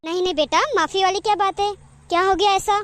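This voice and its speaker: A soothing cartoon mother-in-law with a very high voice, put on by a woman, who speaks kindly and forgives easily. Her manner stays calm and gentle. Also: quick pace, no room sound. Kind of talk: cartoon voice acting.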